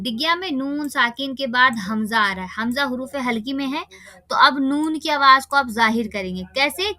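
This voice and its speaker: A woman teaching children Quran recitation rules in an online class, patiently checking if they follow and slowly sounding out examples. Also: sits high, sharp tone, no echo. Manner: patient, checks understanding with "theek hai?".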